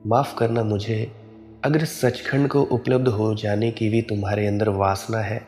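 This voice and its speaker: A man giving a spiritual sermon in a slow, measured, admonishing way. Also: fairly low pitch, level tone, darkish tone, soft background music. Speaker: spiritual preacher.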